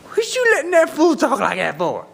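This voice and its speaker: A man's voice: very high-pitched, wildly swooping pitch, a little fast, creaky, a bit bright, pitched above the performer's own voice, heavily acted. A man voicing a brash young shepherd boy who talks trash with swagger and slang. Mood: cocky.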